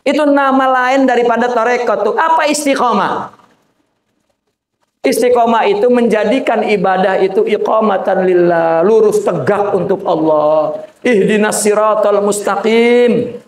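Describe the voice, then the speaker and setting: A man's voice: high voice, a little slow. A man, a sheikh, giving an informal religious sermon to a gathering, talking colloquially with joking asides and addressing listeners directly. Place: Islamic boarding school gathering. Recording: echoey room.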